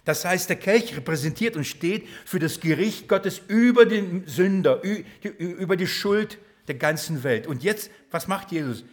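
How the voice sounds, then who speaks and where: A male preacher with a slightly high voice gives a lively sermon to his congregation. He keeps asking them questions and drops to a quiet, urgent tone for emphasis. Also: normal speed, few pauses.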